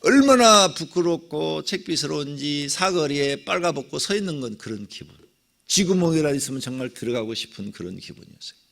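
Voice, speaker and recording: A middle-aged male pastor telling a personal testimony in a dawn prayer sermon, dramatic, with sudden swings between loud cries and near whispers. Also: a little high, expressive, fairly quick, gravelly.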